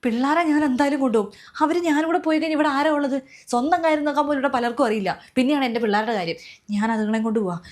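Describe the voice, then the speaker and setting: A woman's voice: sits high, lightly acted. A woman playing an exhausted, overworked sister-in-law who complains and rants in a comedy sketch. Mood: furious. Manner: complaining, rapid, exasperated. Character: overworked elder sister-in-law, weary and fed up.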